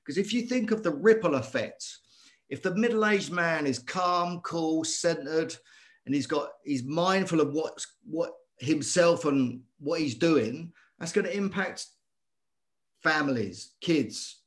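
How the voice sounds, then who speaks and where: A middle-aged man, a former boxer telling his story as a guest in earnest, animated talk that circles back on itself. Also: fairly high pitch, slow pace. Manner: earnest, animated, repeats himself. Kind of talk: conversational storytelling.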